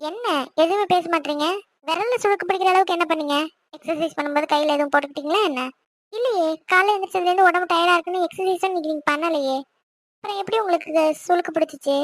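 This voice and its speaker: A woman voicing a young wife in an animated series, arguing and pleading quickly and insistently. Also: very high voice, no room sound. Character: young wife, stubborn and outspoken.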